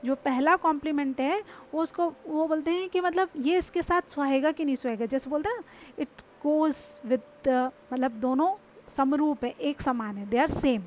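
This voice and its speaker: High-voiced woman teaching English words. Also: slight background noise. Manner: slow, deliberate example sentences, asks students to repeat. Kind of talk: explaining English words to students in Hindi.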